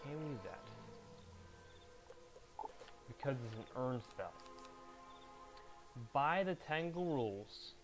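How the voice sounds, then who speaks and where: A man's voice: medium pitch, animated, slow pace, pauses often, over music. A man giving casual commentary as he hosts his own video game challenge run. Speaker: gamer, challenge-run host.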